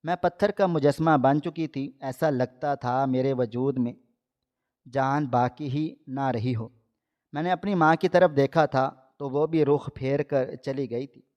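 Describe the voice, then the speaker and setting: A man's voice: mid-range voice, darkish tone. Man narrating a story, dull lo-fi sound. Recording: dull lo-fi audio.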